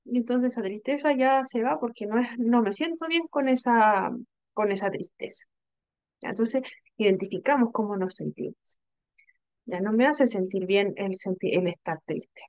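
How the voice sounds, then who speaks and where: A woman's voice: a little high, normal speed, darkish tone, no echo. A young adult woman, teaching a training class and explaining patiently, often checking in with her listeners. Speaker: instructor.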